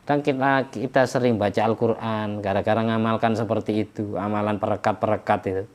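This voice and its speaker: A man's voice: lowish voice, steady tone, a little fast. A man, an Islamic preacher, explaining worship practice plainly and chanting verses in Arabic during a religious study lecture.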